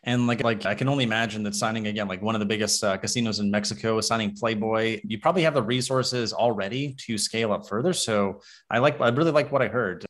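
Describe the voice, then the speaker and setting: A man's voice: lowish voice, fairly bright tone. A man hosting a business interview, asking questions with enthusiasm and lots of "like". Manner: enthusiastic, filler "like". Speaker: interviewer, host.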